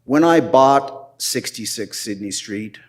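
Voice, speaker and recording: An older man addressing a city council, presenting his case formally with slow, deliberate emphasis. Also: medium pitch, animated.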